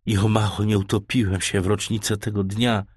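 A man voicing a calm, self-assured shipwrecked sailor in an audiobook. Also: on the low side, fairly quick, slightly rough, no room sound. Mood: steady.

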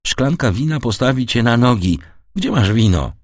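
An earnest young sailor, as a male narrator voices him, pressing and warm-hearted. His slightly raised voice is lively and husky, and it swings widely in pitch. The sound is close and dry. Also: normal speed, dry recording, close to an everyday voice. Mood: anxious. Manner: earnest and urgent. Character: eager young sailor son, earnest man.

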